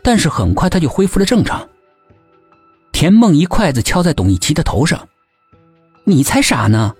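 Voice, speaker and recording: A husky-voiced man narrates a suspense mystery with an animated, rising-and-falling delivery, pitched slightly high. The recording is dry and close, with a faint music bed underneath. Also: fairly quick, no room sound. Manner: lively, expressive storytelling. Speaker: audiobook narrator.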